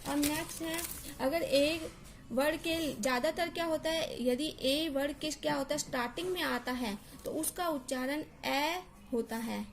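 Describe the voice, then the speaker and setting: A woman's voice: sits high, unhurried. A woman teacher explaining English pronunciation, repeating words and spelling out letters to drill each sound.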